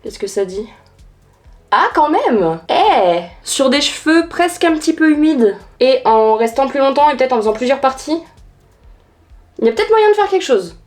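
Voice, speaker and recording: Soft background music plays as a woman with a high, sing-song, slightly mellow voice chats at normal speed in her home beauty vlog. She tests tips in a hot room, staying blunt and slangy and making fun of herself.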